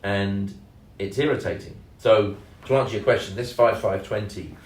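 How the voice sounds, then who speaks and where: A man co-hosting a casual podcast, speaking in a measured, hesitant way with many ums and leaning hard on key words. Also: fairly low pitch, fairly even intonation. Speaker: podcast co-host and sales trainer. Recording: roomy echo, mic at a distance.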